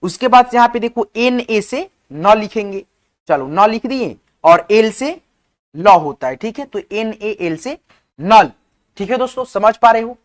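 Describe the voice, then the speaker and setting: A man's voice: high voice, lively intonation, measured pace. A male teacher explaining spelling step by step to his viewers, often repeating himself and checking that they follow. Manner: repetitive, addresses viewers as friends, checks in often. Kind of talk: online class explanation.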